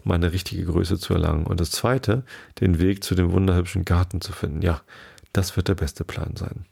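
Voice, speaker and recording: A man voicing a curious young girl in a storybook reading, talking quietly to herself. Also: deep voice, steady tone, moderate pace, creaky, slightly rough, exaggerated voice. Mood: musing. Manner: muttering to herself.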